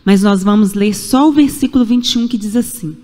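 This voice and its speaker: Preaching in a church sanctuary, a Brazilian woman in her forties uses a mellow, medium-pitched voice and speaks a little fast, in a Brazilian Portuguese accent. Her delivery is emphatic and repetitive, full of rhetorical questions, and the recording echoes through the church hall.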